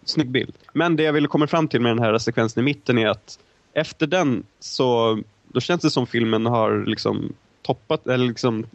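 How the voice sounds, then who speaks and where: A man's voice: mid-range voice, no room sound. A young man co-hosting a casual film review chat, talking in long, winding, hesitant turns. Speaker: film podcast co-host.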